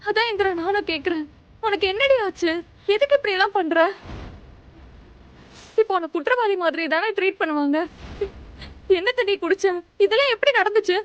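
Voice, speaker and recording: A woman's voice: very high voice, animated, fairly quick, long pauses, dull audio. Tearful pleading young woman. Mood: worried. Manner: anxious, pleading, near tears. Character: worried pregnant young sister-in-law, pleading. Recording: TV serial with music under it.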